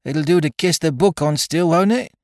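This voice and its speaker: A man voicing an uneasy but eager pirate mutineer in an audiobook, with rough sailor talk. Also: on the high side, moderate pace, no echo, studio quality, pitched above the performer's own voice, lightly acted. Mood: uneasy, hopeful. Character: Dick, uneasy, growling young male mutineer pirate. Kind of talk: audiobook character voice.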